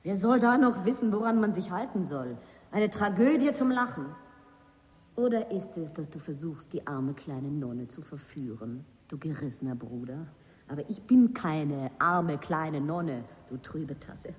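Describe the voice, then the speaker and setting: An actress playing a bitter, diseased nun who mocks and rants with open scorn. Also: female voice, deep voice, expressive, unhurried, a little mellow. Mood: scornful. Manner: scornful, mocking, bursting into rants. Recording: echoey hall with long reverb.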